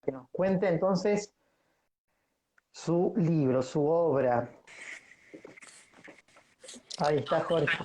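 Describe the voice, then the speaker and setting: A man with an Argentine Spanish accent hosts a casual livestream interview, speaking slowly in a friendly way with many fillers. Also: a little high, a little mellow. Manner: friendly, slow-paced, filler-heavy. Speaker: livestream host.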